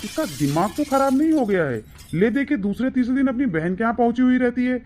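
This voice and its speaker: A woman's voice: on the high side, lively intonation, a little fast, a little mellow, slight background noise, lightly acted. A woman voicing an irritated young husband in a cartoon who complains a lot. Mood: grumbling. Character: young husband, easily swayed. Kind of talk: cartoon voice acting.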